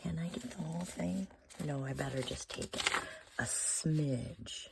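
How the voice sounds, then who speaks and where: A woman with a low voice gone hoarse and squeaky from illness, often cracking into breathy whispers. She rambles casually as a craft vlogger, thinking aloud while she works. The recording has clear background noise and clicks. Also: measured pace. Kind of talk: casual chatty craft tutorial.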